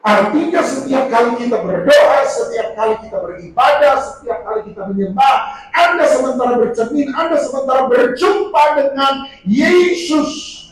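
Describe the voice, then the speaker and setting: A high-voiced male pastor delivers an animated sermon, shouting lines for emphasis and acting out the people he quotes. He stands well back from the microphone. The sound carries heavy echo through a large hall over a faint hiss. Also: normal speed. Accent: Indonesian. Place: church prayer meeting hall. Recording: distant, very echoey hall with faint noise.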